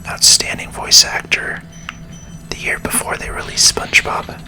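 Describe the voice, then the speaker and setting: Close to the mic, a person gives slow, calming whispered commentary in ASMR style while a video game plays.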